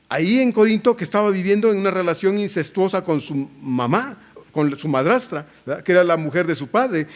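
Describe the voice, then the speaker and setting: A man preaching a sermon as pastor, animated and acting out the quotes he tells. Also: high-pitched.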